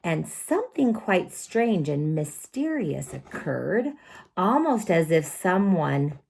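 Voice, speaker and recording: Slow, expressive woman reading a story. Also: on the low side, gravelly, husky. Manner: slow, expressive, sing-song rhythm. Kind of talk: reading a children's picture book aloud.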